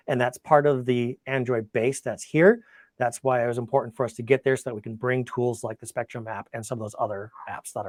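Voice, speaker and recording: A man with a mid-range voice hosts an informal technical webinar as a product demonstrator, fielding questions and thinking out loud in a conversational way. The sound is clean studio audio with no room sound.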